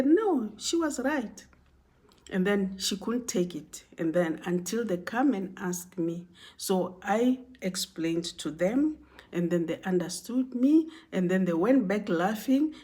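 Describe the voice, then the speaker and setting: A woman's voice: fairly low pitch, darkish tone. A woman casually telling a work story to her viewers, repeating herself and linking everything with "and then" and "you know". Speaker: vlogger telling a workplace story.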